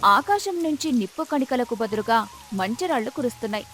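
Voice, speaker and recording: A woman telling a moral story in scripted, measured narration. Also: a little high, lively intonation, fairly bright tone, slight background noise.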